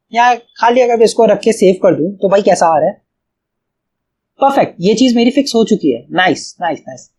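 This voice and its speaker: A high, darkish male voice belongs to a Pakistani man with an Urdu accent recording a coding tutorial from his screen. His manner is casual as he thinks aloud, frequently calling the viewer "bhai," or brother.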